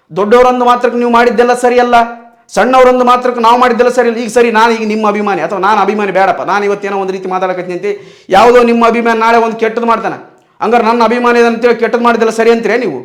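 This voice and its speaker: Man, very high voice, rapid impassioned fan rant. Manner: impassioned, rhetorical questions. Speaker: fan commentator. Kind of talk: opinion monologue.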